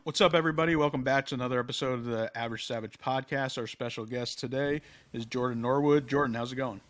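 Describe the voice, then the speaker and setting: A man's voice: mid-range voice, steady tone, fast, a bit bright, faint music behind. A man hosting a podcast interview in a casual, slangy way, with short reactions and loose questions. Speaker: podcast host.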